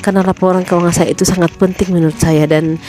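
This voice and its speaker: On the low side and warm in tone, this woman's voice moves fast with fairly even intonation. A small shop owner who runs a banking agent, she chats casually in her vlog with a rural Indonesian accent, sprinkling in fillers and side remarks to friends.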